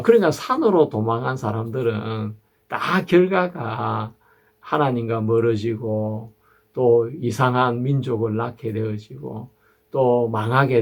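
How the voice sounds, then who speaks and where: A man in his sixties, a pastor delivering an earnest sermon, asking his listeners questions and pausing on fillers. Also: mid-range voice, gravelly. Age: 60s.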